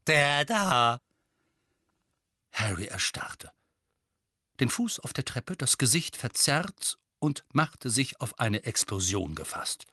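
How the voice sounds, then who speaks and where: A man narrating an audiobook in an expressive storytelling manner. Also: medium pitch, slow, husky, dry recording, studio quality. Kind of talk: scripted narration.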